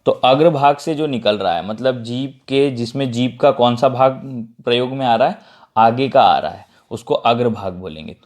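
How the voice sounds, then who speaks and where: A male teacher with a Madhya Pradesh Hindi accent gives a grammar lesson. His voice sits at a middle pitch, neither high nor low. He explains each point step by step, repeats the terms, and keeps checking that the class is following. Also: expressive, normal speed, darkish tone.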